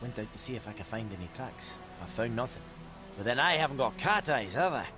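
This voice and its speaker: An actor playing a bitter, sarcastic old village blacksmith who grumbles coarsely, in video game dialogue. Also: male voice, mid-range voice, big pitch swings, brisk, close to an everyday voice. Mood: weary. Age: older. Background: game music.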